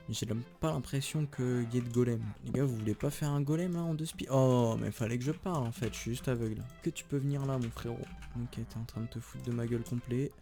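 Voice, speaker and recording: Brief: young male gamer, mid-pitched, chatty and slangy, laughs a lot, quiet music underneath. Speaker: gaming YouTuber. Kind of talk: casual gameplay commentary with voice-over narration.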